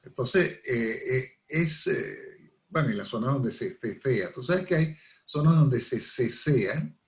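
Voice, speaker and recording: A man's voice: mid-range voice, animated, measured pace, creaky. A middle-aged man with a Venezuelan accent, a language professor explaining things with examples as a radio interview guest. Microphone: radio studio microphone. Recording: echoey radio studio sound.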